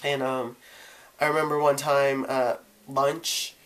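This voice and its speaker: A man's voice: mid-range voice, level tone, takes it slowly, a bit bright, a little hiss or hum. A young man vlogging, telling a personal story in a casual, chatty way with lots of "like" and "you know".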